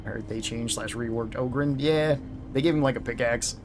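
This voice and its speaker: A man's voice: medium pitch, a little fast. A man giving casual, chatty commentary while streaming a video game, laughing often. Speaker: gaming streamer.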